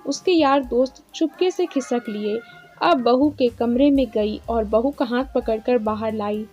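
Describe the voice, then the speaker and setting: A woman narrating a moral family story in a steady, plain storytelling manner, over a slightly dull recording with soft music. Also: fairly high pitch, a little slow.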